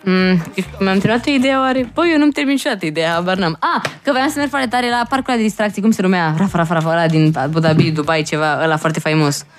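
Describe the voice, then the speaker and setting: A woman's voice: on the low side, hardly any pauses, faint music behind. A teenage girl hosting a student radio show, chatting and teasing her co-hosts with lots of giggles. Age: teens. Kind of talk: casual radio chat.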